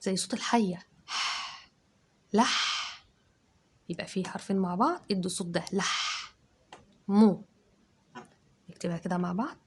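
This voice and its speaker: Husky Egyptian woman teaching spelling. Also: on the low side, fairly quick, long pauses. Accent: Egyptian Arabic. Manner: spells words out syllable by syllable, loud and drawn out. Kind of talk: dictation lesson for children.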